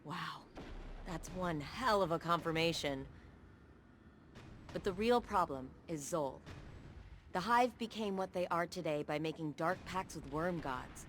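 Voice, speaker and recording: Ana Bray, resolute researcher. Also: female voice, on the low side, animated, unhurried, long pauses, slight background noise. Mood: earnest. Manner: earnest, resolute. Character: determined woman Warmind researcher, defiant. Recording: game cutscene with loud score.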